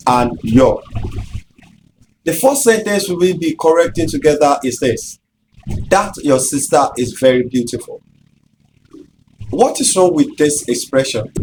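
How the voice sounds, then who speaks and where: A man teaching English grammar in a measured, explanatory way, speaking directly to viewers. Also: mid-range voice, darkish tone, a little hiss or hum, low-quality recording. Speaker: English tutor. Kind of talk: scripted grammar lesson.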